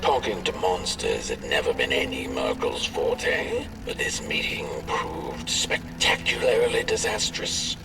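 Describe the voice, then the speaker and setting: A man narrating a dark fairy-tale game in a slow, measured storybook manner. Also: very deep voice, big pitch swings, creaky. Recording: game audio heard from a distance over music.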